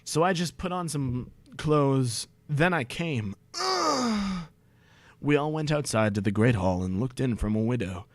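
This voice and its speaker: A man's voice: mid-range voice, moderate pace, hardly any pauses, a little mellow, no echo. A young man streaming a comedic reading of fan fiction, breaking off into sarcastic, exasperated, profane asides.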